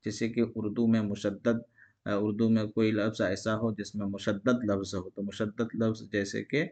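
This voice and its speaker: A man's voice: lowish voice, level tone, moderate pace, darkish tone. A man teaching an exam-prep grammar lesson, asking each question aloud and answering it himself in a repetitive call-and-response way.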